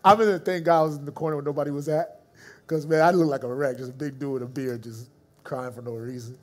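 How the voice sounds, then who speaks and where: A male pastor giving a storytelling sermon in casual slang, acting out the people in his stories and dropping to a soft, slow voice for reflective moments. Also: on the high side, fairly even intonation.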